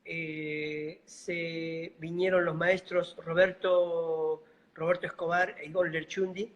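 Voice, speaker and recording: Speaking gently and without hurry, a middle-aged man from Buenos Aires, a mime and clown actor, shares stories in a casual video-call interview, often using diminutives. His Argentine accent carries a faint Bolivian tinge. His voice is a little high, and the high frequencies are cut off.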